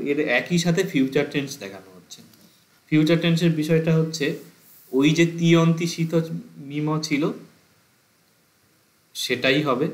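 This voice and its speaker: A man's voice: fairly high pitch, reverberant. A man teaching a grammar class for exam preparation, patiently explaining step by step and reciting verb forms as drills.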